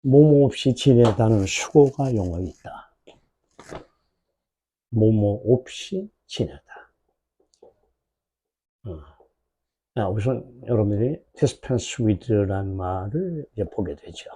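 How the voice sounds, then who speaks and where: A man with a Korean accent teaching English for an exam prep lecture, asking questions and drawing out English words slowly. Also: on the low side, lively intonation, mellow, slightly rough.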